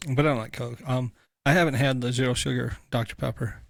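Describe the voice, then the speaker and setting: A man's voice: medium pitch, fairly even intonation, fast talker, vocal fry, dry recording, clean studio sound. A man co-hosting a casual home podcast, easygoing and joking. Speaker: podcast co-host. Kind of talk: casual chat. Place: home room.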